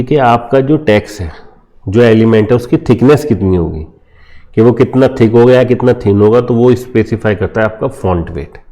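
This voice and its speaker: A man's voice: lowish voice, mellow. A man with an Indian accent giving an informal coding lesson over a screen recording, often checking in with his viewers as friends. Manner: informal, addresses viewers as friends, frequent "theek hai" fillers. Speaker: coding tutor.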